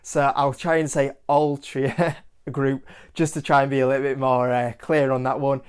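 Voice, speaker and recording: A man's voice: medium pitch, fairly even intonation, a little fast, smooth. A man with a Yorkshire accent hosting his own investing channel, talking casually and loosely through stock picks. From Yorkshire, England. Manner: loose, chatty, leans on "like" and "kind of". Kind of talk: casual stock-picking talk to camera.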